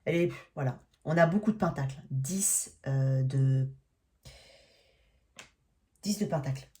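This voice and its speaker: A woman's voice: very deep voice, unhurried, mellow. A woman giving a casual tarot reading, talking in a hesitant, searching way with many restarts and a frequent "hein". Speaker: tarot reader.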